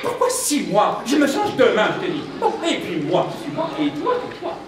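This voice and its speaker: A woman's voice: high-pitched, huge pitch swings, normal speed, a crowd in the background. A woman voicing a cheeky female caterpillar with a boyish voice, slangy and teasing. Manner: slangy, teasing, giggly, repeats words. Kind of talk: stage play acting. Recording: very echoey hall.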